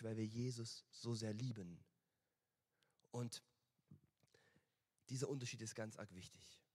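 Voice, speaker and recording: Husky-voiced man preaching in a reverberant hall. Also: mid-range voice. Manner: emphatic preaching that swings between loud appeals and quiet, slowed lines. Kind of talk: church sermon.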